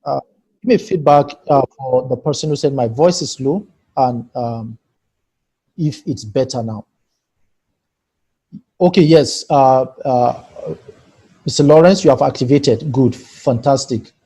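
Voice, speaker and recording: Over a rough computer-mic connection on a video call, a trainer runs a live screen-share tutorial on a data tool. His husky, mellow voice is mid-range and unhurried, with frequent pauses. He stays patient and checks in with participants by name to get their feedback.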